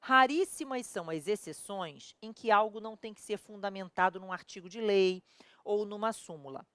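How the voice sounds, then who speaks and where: Her mid-range, slightly bright voice at a normal pace carries a Brazilian Portuguese accent as she teaches a law exam prep lesson on video. She is colloquial and familiar with her students, asking many rhetorical questions, with no room sound.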